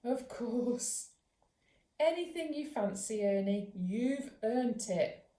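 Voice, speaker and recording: A woman voicing a bossy, frantic mother in a children's story, shrill and flustered. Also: animated, slow, mellow. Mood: fond. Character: frantic, bossy mum of a little poodle. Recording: roomy echo.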